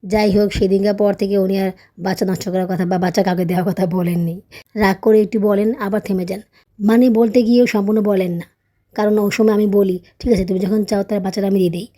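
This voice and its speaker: A woman's voice: medium pitch, steady tone, fast talker, dark tone. A young woman vlogger and mother, chatting in casual voice-over, telling her story with frequent tag questions. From Bangladesh. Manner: raised, scolding teacher voice when tutoring her child.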